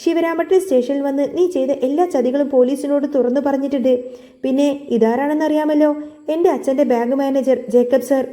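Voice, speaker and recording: A woman's voice: high-pitched, fairly even intonation, a little fast, dark tone, natural voice. A woman voicing a determined young woman who accuses a villain in a firm voice, read as part of a retold serial.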